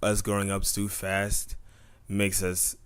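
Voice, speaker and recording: Young man, very low voice, casual podcast banter, rambling jokes, dry sound. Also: monotone, slow, smooth, no room sound. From Tampa, Florida. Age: 20s. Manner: joking, rambling, full of "you know". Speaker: podcast co-host.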